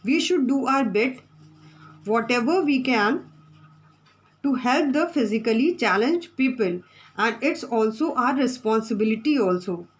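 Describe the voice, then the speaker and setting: A woman's voice: on the high side, expressive, unhurried, rough recording. A woman teacher, giving a classroom lesson from the textbook, repeating her points and spelling out words.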